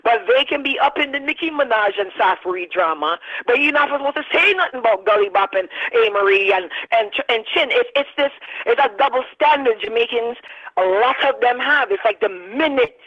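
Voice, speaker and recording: A woman in her thirties, a radio interview guest, making an animated, emphatic argument. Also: a little high, fairly quick. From Barbados. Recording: dull lo-fi sound.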